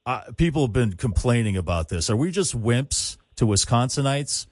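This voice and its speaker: A man's voice: medium pitch, very animated, normal speed, no room sound, clean studio sound. A man hosting a casual radio interview in a conversational way.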